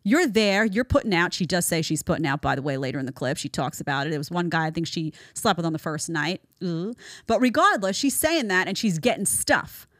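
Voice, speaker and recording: A woman's voice: on the low side, animated, fairly quick, a bit bright, no room sound, clean studio sound. A woman hosting a social commentary podcast, talking emphatically and with strong opinions. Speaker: podcast host.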